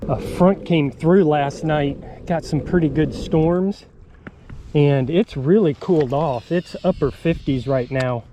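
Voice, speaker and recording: A man's voice: on the high side, slow pace, a little hiss or hum. A man hosting a fishing vlog from a kayak on a tidal creek, talking casually with plenty of ums, a bit winded from pedaling. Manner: relaxed, chatty, frequent ums and uhs. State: a little out of breath from pedaling. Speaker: fishing channel host. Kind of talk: casual outdoor vlog talk.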